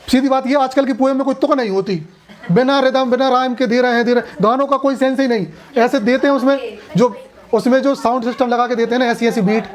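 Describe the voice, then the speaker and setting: A man's voice: extremely high pitch, fairly even intonation, fast. A man teaching a classroom lecture at a coaching class, chatty, joking and often asking students questions.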